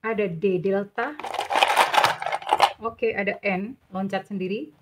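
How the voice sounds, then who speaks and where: A woman giving a tarot reading, gentle and measured, calling the listener dear. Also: medium pitch, dull audio, very noisy. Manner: slow, measured listing. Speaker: tarot reader.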